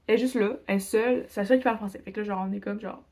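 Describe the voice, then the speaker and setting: A woman's voice: mid-range voice, steady tone, very fast, warm tone. A young woman from Quebec with a Québécois French accent, telling a story in a casual vlog, chatty and rambling with lots of filler words. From Quebec, Canada. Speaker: vlogger. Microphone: phone camera.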